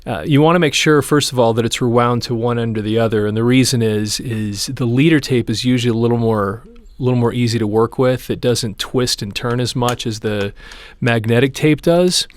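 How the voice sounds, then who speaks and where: In a casual, hands-on repair tutorial, a man walks through each step in plain, informal language. His voice is medium-pitched and brisk, with hardly any pauses.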